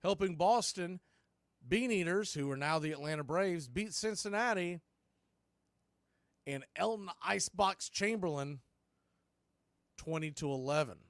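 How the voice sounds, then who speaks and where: A man serves as the show's announcer, calling live baseball play-by-play in a steady, measured manner that follows each pitch. The recording is dry.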